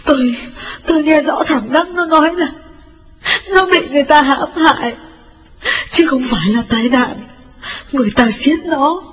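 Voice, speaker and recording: A man's voice: extremely high pitch, moderate pace, fairly bright tone, voice pushed up. A man voicing a grieving mother in her fifties who stammers out tearful pleas. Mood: sobbing.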